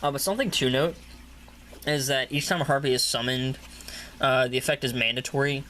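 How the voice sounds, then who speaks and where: Walking through his card deck in a brisk, steady, mid-range voice, this man sounds bright and forceful over slight background noise. His deck profile is casual and rambling, packed with filler uhs, repeated "really, really", and occasional coughs.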